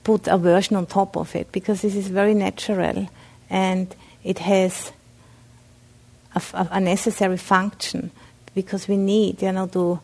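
This woman's medium-pitched voice is creaky and warm, with a flat delivery. An Austrian Buddhist nun with an Austrian German accent, she gives a dharma talk at a meditation center, speaking haltingly with plenty of fillers and restarts.

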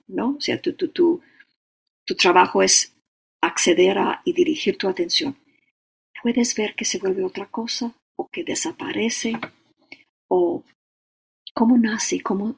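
Slow, gravelly meditation teacher. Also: mid-range voice. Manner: slow, halting, with frequent "¿no?" and "o sea". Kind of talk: dharma talk and guided meditation.

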